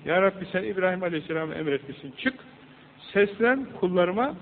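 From a mosque pulpit, a man preaches emphatically, asking rhetorical questions and reciting Arabic verses. His high-pitched voice is expressive and fast, with a long reverb tail, on an old lo-fi tape with a phone-like band and faint hum.

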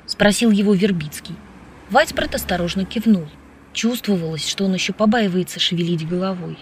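A woman narrating a novel as an audiobook in a steady, even storytelling manner. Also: mid-range voice, moderate pace, a little hiss or hum. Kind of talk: scripted narration.

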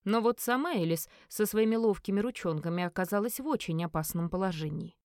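A woman reads a novel aloud in a steady, even storytelling manner. Her voice sits at a middle pitch. The recording is dry and close, with no room sound. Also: brisk, no room sound. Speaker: audiobook narrator. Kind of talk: scripted narration.

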